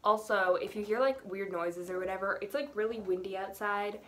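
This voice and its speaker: A teenage book vlogger chats casually to the camera about books, rambling with plenty of fillers and little giggles. Her medium-pitched voice is fairly bright, with fairly even intonation and a fairly quick pace. There's slight background noise.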